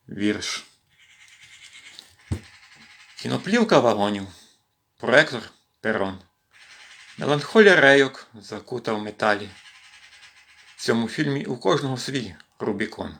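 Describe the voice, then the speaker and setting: A man from western Ukraine reading poems aloud in an expressive recitation during a home livestream. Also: fairly low pitch, vocal fry. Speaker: poetry reader in a volunteer series. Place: at home with his cat.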